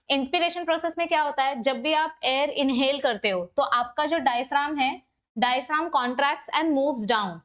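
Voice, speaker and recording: A woman's voice: high voice, a bit bright. A woman biology teacher, giving an exam-prep lecture, explaining step by step and switching to English for key terms. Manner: corrects herself mid-explanation.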